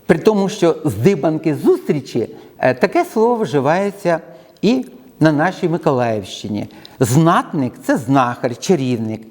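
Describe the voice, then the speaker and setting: A middle-aged lecturer with a Ukrainian accent, speaking in a measured way and pausing often with hesitation sounds as he explains words. His pitch moves about a lot and sits a little high. The room rings with a long reverb. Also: sing-song, darkish tone. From southern Ukraine.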